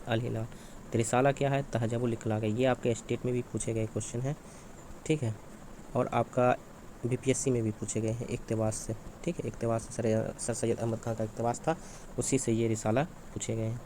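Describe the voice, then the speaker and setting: Guy teaching exam prep, keeps asking then answering his own questions, average pitch, faint background hiss. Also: level tone, fairly quick, dark tone.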